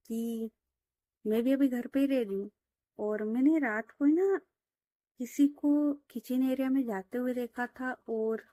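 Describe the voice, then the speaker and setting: A woman's voice: sits high, dark tone, no room sound, clean studio sound. A woman voicing a cheeky, bratty young woman who teases and wheedles her father.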